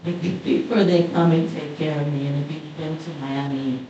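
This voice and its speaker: Seated on a panel in a big hall, a Cuban woman artist chats in a conversational, storytelling way at normal speed, her voice low and her accent Cuban Spanish. Light laughter breaks up her points. She is far off the mic, so the audio is dull, reverberant, and slightly noisy.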